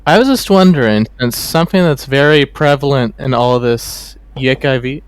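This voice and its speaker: A man's voice: medium pitch, normal speed, clear, resonant tone, no echo. A man calling into a livestream Q&A, asking a carefully framed question. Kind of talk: livestream Q&A call-in.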